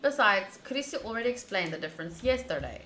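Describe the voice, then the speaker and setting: A woman streams a visual novel with casual commentary, switching between reading aloud and chatting as a fast talker with big pitch swings. Her voice is medium-pitched, bright and crisp-edged, and the sound is roomy and echoey with faint noise behind her.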